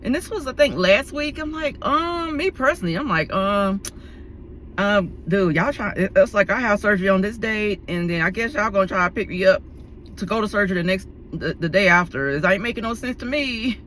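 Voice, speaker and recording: A woman's voice: mid-range voice, a little fast, a little hiss or hum. A woman vlogger telling a story in a casual, chatty way, acting out the people in it, with many fillers and restarts. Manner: chatty, animated, acts out the people in her story; frequent fillers and restarts, laughs between lines.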